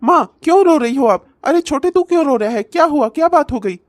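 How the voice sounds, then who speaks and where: A woman gives voice to a torn young husband in a cartoon comedy, pleading gently. The voice is high and sounds dry and close. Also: expressive, a little fast, no room sound.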